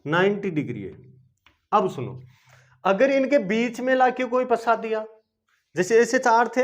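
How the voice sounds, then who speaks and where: Male teacher with a very high voice, self-answering questions, dull lo-fi recording. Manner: asks questions and answers them himself; repetitive, coaxing teaching. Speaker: chemistry teacher. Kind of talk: classroom-style video lesson. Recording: dull lo-fi video lesson recording.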